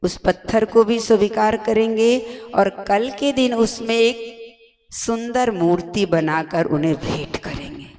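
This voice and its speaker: Woman preaching in slow emphatic phrases. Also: a little high, darkish tone. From India. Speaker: Jain nun giving a discourse. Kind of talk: sermon.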